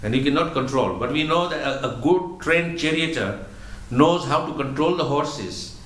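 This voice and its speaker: A man giving a religious lecture as a spiritual teacher, explaining slowly and patiently, often repeating words as he goes. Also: a little high, expressive, fairly bright tone, reverberant, poor audio.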